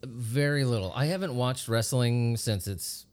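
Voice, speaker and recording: A man hosting a podcast, chatting casually and joking with his guest, laughing often. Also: measured pace. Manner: jokey, laughs often, lively pitch. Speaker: podcast host. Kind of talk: casual chat.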